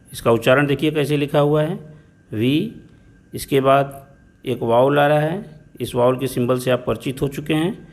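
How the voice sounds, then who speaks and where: A man teaches pronunciation at an unhurried pace. He works through letters and their sounds one at a time, patient and methodical. His mid-pitched voice carries a gravelly texture. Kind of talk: explaining phonetics lesson.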